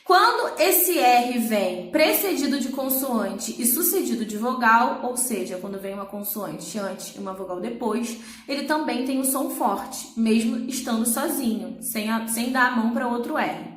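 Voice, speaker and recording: A woman's voice: a little high, measured pace, hardly any pauses, reverberant. A woman teaching a Portuguese lesson, explaining patiently and checking in with her students. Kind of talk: recorded online class.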